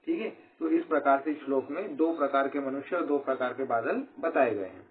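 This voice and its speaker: A man teaching a college class, reciting verses slowly and glossing each phrase, often checking in with the class. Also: medium pitch. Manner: repeats "ठीक है" as a check-in. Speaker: Sanskrit lecturer. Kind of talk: recorded college lecture explaining verses. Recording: tinny phone-line sound, faint hiss.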